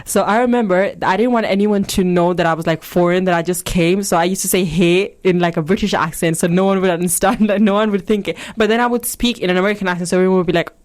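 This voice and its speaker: Fast-talking young woman. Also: lowish voice, steady tone, a little mellow. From Spain. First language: Spanish. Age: young adult. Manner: chatty, laughs often, storytelling. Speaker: radio co-host. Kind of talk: casual radio chat.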